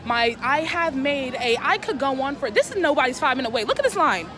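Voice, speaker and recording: A woman's voice: sits high, big pitch swings, brisk. Dramatic young woman vlogging at a park. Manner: dramatic, exaggerated and joking. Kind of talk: casual vlog chat. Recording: loud park music and crowd behind.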